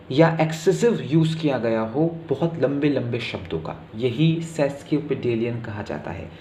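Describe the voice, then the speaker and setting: A man teaching literature, reading English definitions slowly and then explaining them in casual Hindi. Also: mid-range voice, darkish tone, reverberant, a little hiss or hum. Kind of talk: lecture explaining literary terms.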